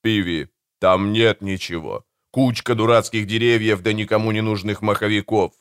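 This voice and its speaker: Man putting on a surly pirate, scornful, low voice. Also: steady tone, normal speed, smooth, natural voice. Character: distrustful surly male pirate.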